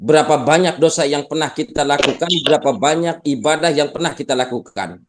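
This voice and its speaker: A man preaching a sermon with an Indonesian accent, lively and humorous, weaving in Arabic phrases. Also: fairly high pitch, fairly quick, noisy background.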